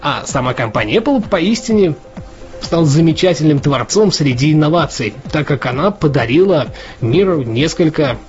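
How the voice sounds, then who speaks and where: Speaking a little high and at a moderate pace, this podcast co-host sounds animated yet somewhat mellow. He chats loosely about the news, often using fillers and starting over, over dull lo-fi sound with faint background music.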